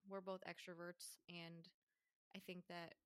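A woman co-hosting a casual chat podcast, speaking earnestly and warmly with plenty of "like" and "um". Her voice is bright and smooth, a touch lower than most. The sound is dry and close. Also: little pitch movement, unhurried, no room sound. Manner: earnest, heartfelt storytelling with many fillers. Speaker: podcast co-host.

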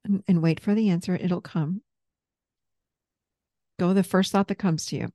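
Woman therapist, mellow voice, gentle patient coaching, dry close sound. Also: on the low side, steady tone, normal speed, dry recording. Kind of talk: guided parts-work session.

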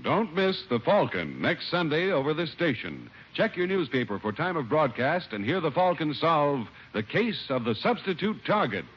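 A man reading ads and credits as a 1940s radio announcer in a polished, lively sales pitch, heard from an old broadcast transcription disc. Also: normal speed, few pauses, dull audio.

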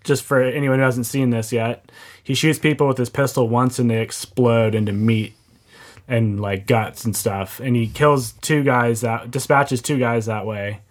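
A man's voice: mid-range voice, fairly even intonation, moderate pace. A man in his forties with a mid-range voice, chatting casually on a podcast. He is agreeable and talkative, often backing others up. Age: 40s. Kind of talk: casual chat.

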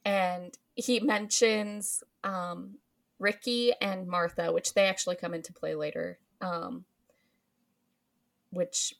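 A woman's voice: on the low side, steady tone, slow pace, vocal fry. A woman host casually recapping a film's plot, laughing often and filling with um and like. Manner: giggly, frequent ums and likes. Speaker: podcast host recapping a film. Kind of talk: casual chat.

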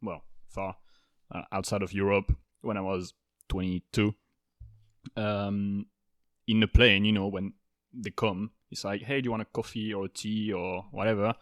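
A man from France talks in an easygoing way as the host of a casual conversation. He tells his own travel story with a relaxed flow and throws in swearing when he acts out how shocked he was. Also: lowish voice, normal speed. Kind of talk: casual chat.

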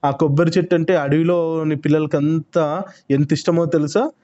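A man's voice: fairly high pitch, fairly even intonation, moderate pace, dark tone, natural voice. A man voicing an earnest young horse foal. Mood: reproachful. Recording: muffled lo-fi recording.

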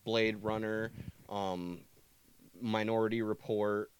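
A man's voice: lowish voice, takes it slowly, slight background noise. A young adult man co-hosting a podcast in casual chat, swearing and ranting animatedly about films. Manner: profane, animated movie rants with put-on impressions. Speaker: podcast co-host.

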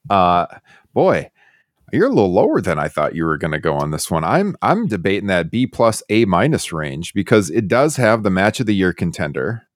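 A man's voice: deep voice, very animated, normal speed, no room sound, studio quality. A man from the Chicago area hosting a podcast, chatting in an easygoing, self-deprecating way. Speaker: podcast host. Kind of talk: casual podcast review chat.

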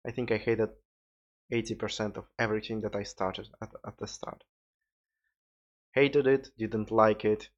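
A man's voice: fairly low pitch, steady tone, normal speed, pauses often. A tired man with a Russian accent, hosting a solo podcast in a rambling, informal way with some swearing. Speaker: podcast host. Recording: dull lo-fi recording.

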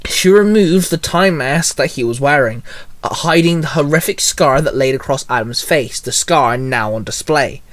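A man reading fan fiction aloud as narrator, in a steady storytelling read. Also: a little high, moderate pace, no room sound.

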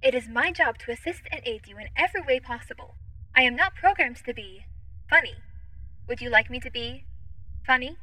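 Audio drama: too-smooth female android assistant played by a woman, high, bright and crisp, polite, literal and quietly curious. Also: brisk, no echo, exaggerated voice, poor audio. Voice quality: too smooth, even, formal android-like phrasing. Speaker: ship's AI assistant.

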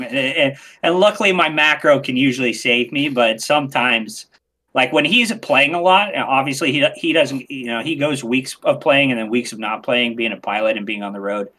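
A man chatting casually as a podcast guest, animated and excitable, often restarting his sentences. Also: medium pitch. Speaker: podcast guest, game streamer. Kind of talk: casual interview chat.

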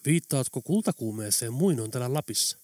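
A man voicing a cautious middle-aged male shopkeeper who speaks quietly and hesitantly. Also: mid-range voice, expressive, no echo, natural voice. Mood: doubtful.

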